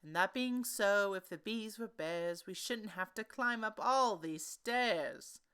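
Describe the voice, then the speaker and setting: A woman's voice: medium pitch, slow pace, a bit bright, smooth, voice pushed up. A woman voicing an earnest, simple-minded, honey-loving male bear in a children's storybook, pondering aloud in an emphatic, sing-song way. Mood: singsong. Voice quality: growly.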